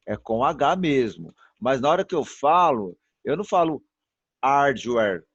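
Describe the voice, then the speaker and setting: A man's voice: mid-range voice, animated, breathy edge, dry recording. Patient man teaching over a video call. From Brazil. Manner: patient, repetitive, drawn-out demonstrations. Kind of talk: online class pronunciation lesson. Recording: dull, muffled sound, dry.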